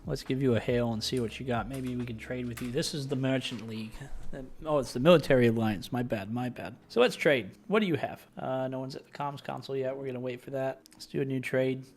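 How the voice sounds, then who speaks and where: A man's voice: medium pitch, fairly even intonation, brisk, a little mellow. A young adult man casually commentating his own game playthrough, chatty and self-deprecating. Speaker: gaming video host. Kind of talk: casual let's play commentary.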